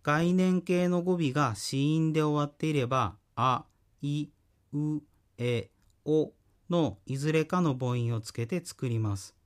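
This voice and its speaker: A man teaching a radio language course, explaining grammar slowly and carefully with frequent pauses. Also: a little high, clean tone. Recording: radio broadcast.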